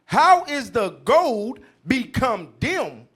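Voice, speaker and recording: Brief: male class reader, very high voice, slow careful reading, lively intonation. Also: slightly rough. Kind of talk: reading scripture and definitions aloud.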